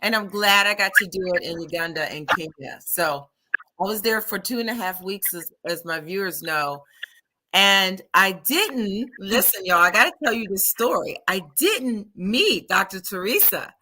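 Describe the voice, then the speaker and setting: A middle-aged American woman hosting an interview, telling a story in an animated, chatty way and calling her viewers "y'all". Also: medium pitch, moderate pace, low-quality recording. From United States. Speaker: host and trauma therapist. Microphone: video call.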